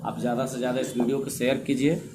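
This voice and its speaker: Hindi teacher walking through a syllabus. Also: male voice, mid-range voice, flat delivery, quick pace, background noise. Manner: repeats "thik hai" and checks students understand. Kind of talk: syllabus walkthrough lesson.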